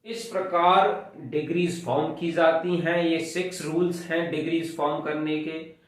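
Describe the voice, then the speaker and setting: A man's voice: a little high, steady tone, unhurried. A man teaching English grammar, explaining rules step by step and counting syllables aloud, recorded far from the mic. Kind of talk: classroom grammar lesson. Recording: very echoey room, voice far from the mic.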